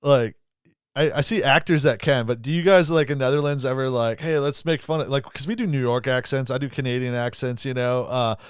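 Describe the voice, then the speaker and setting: A man's voice: mid-range voice, fairly even intonation, brisk, smooth, no room sound, clean studio sound. A man co-hosting a hiking podcast, asking playful, curious questions in casual chat. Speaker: podcast co-host.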